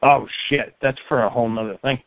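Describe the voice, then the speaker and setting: Here the author guest speaks a touch fast in a steady, creaky, medium-pitched voice. Chatty and loose, he leans on hesitant fillers and swears now and then. There's no room sound, and the lo-fi audio comes across dry and dull.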